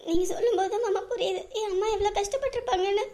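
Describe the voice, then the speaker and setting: A woman's voice: extremely high pitch, very fast, dark tone. A woman playing a young wife in a family drama who pleads tearfully to see her mother. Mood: pleading. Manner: pleading, emotional.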